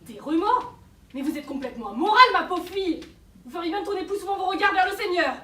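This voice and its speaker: Casting: sanctimonious zealot woman, very high piercing voice, hammy stage declamation, unforgiving moralizer. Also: expressive, fast, sharp tone, heavily acted. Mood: haughty outrage. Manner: hammy theatrical stage delivery, declaiming, preachy. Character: self-righteous, unforgiving religious zealot woman, harshly moralizing. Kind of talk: stage play acting. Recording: echoey stage, distant mic, faint noise.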